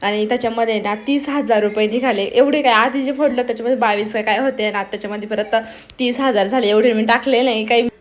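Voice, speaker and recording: A young woman with a somewhat high voice tells a family vlog story in loose, chatty voice-over. She rambles from one thing to the next with plenty of fillers and little pauses. Her delivery stays easy and conversational. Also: steady tone, a little hiss or hum. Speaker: family vlogger. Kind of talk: casual voice-over narration.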